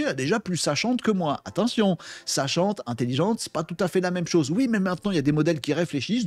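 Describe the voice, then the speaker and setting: Animated tech news host. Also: male voice, on the high side, no room sound. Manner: animated and emphatic, with slang and asides. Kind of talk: casual tech news commentary.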